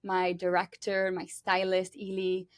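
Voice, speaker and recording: A woman's voice: fairly low pitch, monotone, a little slow, no echo, studio quality. A young woman from Cuba with a Miami accent, chatting as an interview guest in an upbeat way with lots of fillers. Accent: Miami English. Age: young adult. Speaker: pageant contestant guest. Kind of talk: casual interview chat.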